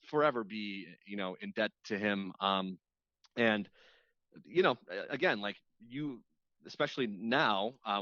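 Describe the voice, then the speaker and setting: His lowish voice has a fairly bright tone as the radio host, here a podcast guest, reflects casually, returning to points and repeating words to stress them. There's no room sound, but the lo-fi recording is slightly dull.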